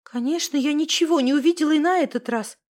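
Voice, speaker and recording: A woman narrating a first-person story in a lively, wry manner. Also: high-pitched, fast talker.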